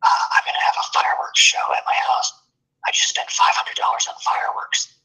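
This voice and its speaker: A man calling in on speakerphone, talking in a loud hoarse whisper so he won't wake a sleeping child. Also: fairly quick. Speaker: caller, friend of the host. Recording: tinny phone line.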